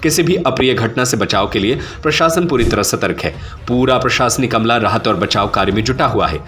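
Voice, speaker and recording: A man's voice: medium pitch, a little fast, fairly bright tone. A man reading scripted news narration as a reporter in voice-over.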